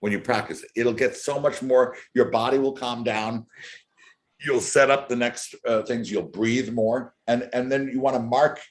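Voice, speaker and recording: A man speaking at normal speed, with a medium-pitched, steady voice, coaches a violin masterclass. He's emphatic and earnest and tends to repeat the words that matter most. A violin can be heard faintly behind him.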